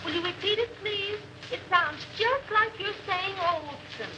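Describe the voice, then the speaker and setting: A polite young woman in a 1930s Hollywood picture. Her voice is high, and the old soundtrack hums with noise. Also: a little slow. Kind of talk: 1930s Hollywood film acting. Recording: noisy old film soundtrack.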